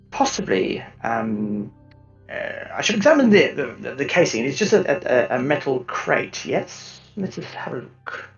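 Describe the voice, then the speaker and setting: A hooded augmented figure whose voice is run through a voice changer, as a man puts him on, gravelly and halting, pausing often between words. It sounds echoey and far from the mic, dull in tone, with music playing behind. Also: mid-range voice. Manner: halting, hesitant, full of fillers. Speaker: tabletop game player.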